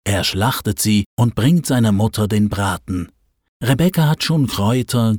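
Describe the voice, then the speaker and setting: A man with a lowish voice reads a Bible story in a calm, measured way. The sound is dry and close, with no room around it. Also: no echo. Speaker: narrator.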